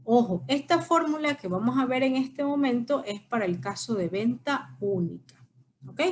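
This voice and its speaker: A woman's voice: a little high, lively intonation, normal speed, a little hiss or hum. A woman giving a recorded lecture, explaining step by step and often checking with her students. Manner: explanatory, frequent checking questions. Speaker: teacher.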